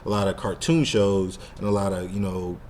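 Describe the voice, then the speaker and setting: A man's voice: low-pitched, steady tone, normal speed, darkish tone, a little hiss or hum. A man co-hosting a casual fan podcast, talking in a rambling, slangy way with lots of "like". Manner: rambling, heavy use of "like" and slang. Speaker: podcast co-host.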